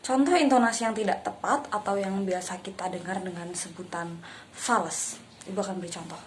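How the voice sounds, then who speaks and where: A woman's voice: medium pitch, normal speed, background noise. A woman music teacher explaining breathing and phrasing to her pupils in a patient classroom manner, with frequent fillers. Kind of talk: classroom lesson with sung examples.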